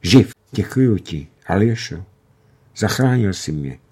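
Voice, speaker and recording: A man's voice: lowish voice, animated, mellow, breathy edge. A man voicing a badly wounded young airman on a stretcher, speaking weakly and tearfully in gratitude. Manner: weak, tearful and grateful. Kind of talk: audiobook character voice.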